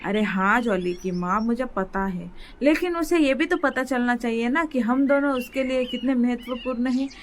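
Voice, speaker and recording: A woman voicing a calm, patient father sparrow in a cartoon story. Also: on the high side, normal speed, few pauses, slight background noise, close to an everyday voice. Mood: reassuring.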